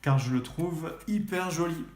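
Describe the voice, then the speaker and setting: A man's voice: on the high side, measured pace. A man unboxing computer parts in a casual vlog, talking hesitantly with lots of fillers and restarts. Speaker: tech youtuber. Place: room at his desk. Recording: echoey room, faint background noise.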